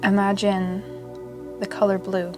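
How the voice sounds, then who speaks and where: A yoga nidra meditation guide, a woman with a mid-range voice, leads a guided meditation over clearly audible music. She speaks in a soothing, measured monotone, barely shifting pitch and leaving generous pauses between phrases.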